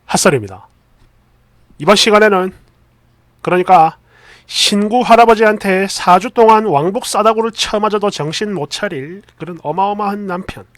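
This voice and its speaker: A man's voice: high-pitched, normal speed, pauses often, no room sound. A man hosting a channel, reading an online post aloud and dropping wry asides. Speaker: host reading viewer stories.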